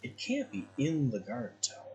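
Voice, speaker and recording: A man hosts a casual let's-play with a lively, widely swinging intonation. His medium-pitched voice is conversational and wry as he thinks out loud. There is faint noise behind him. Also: normal speed. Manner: wry, conversational, musing aloud. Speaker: gaming video host.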